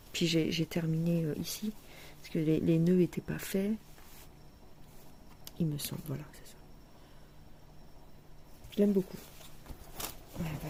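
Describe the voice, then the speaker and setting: A woman talks through her cross-stitch progress in a relaxed, chatty vlog, laughing at her own mistakes. Her voice has a noticeable gravelly fry, and she often sinks to a soft near whisper. A faint hum of background noise sits under the recording. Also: low-pitched. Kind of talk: casual chat showing her stitching.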